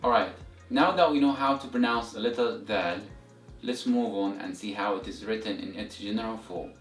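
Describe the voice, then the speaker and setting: A man's voice: on the low side, moderate pace. A man giving a step-by-step language lesson as a teacher, explaining methodically and repeating examples for learners. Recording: roomy echo, distant mic, music behind.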